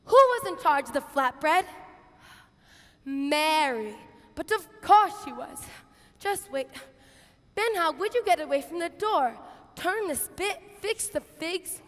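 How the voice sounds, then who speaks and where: Young woman acting flustered, high-pitched Martha, theatrically exaggerated. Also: lively intonation, slow pace, pauses often, exaggerated voice. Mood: frantic, exasperated. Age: teens to young adult. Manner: exaggerated, theatrical intonation, swinging from hushed asides to shouts. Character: flustered, bossy Martha, harried biblical kitchen hostess, exasperated with sister. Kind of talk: dramatic monologue, expressive stage reading. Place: stage in a large auditorium with audience. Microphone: headset. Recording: reverberant large hall, headset mic.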